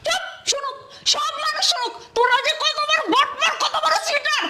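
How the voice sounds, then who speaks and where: Woman playing a furious cheated bride, super high voice, yelling, echoey noisy room. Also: fairly even intonation, normal speed, heavily acted. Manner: shouting, scolding, mocking. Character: furious cheated young bride, loud and scolding. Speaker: bride in a web drama. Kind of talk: short web drama acting. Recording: echoey room with clear noise.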